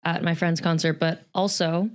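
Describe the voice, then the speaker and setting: A woman with a fairly low voice for a female speaker, talking in a relaxed conversational exchange. She places her voice with some care, as if trained to speak that way, while keeping the phrasing informal. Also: clean tone. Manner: deliberately lifted speaking placement, trained in speech therapy. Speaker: singer and talk guest. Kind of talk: casual chat.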